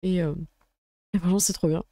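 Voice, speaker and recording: Warm-voiced chatty woman streamer. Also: fairly low pitch, steady tone, no echo, clean studio sound. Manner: chatty, halting, many fillers. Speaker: game master and streamer. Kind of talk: casual chat closing a live stream.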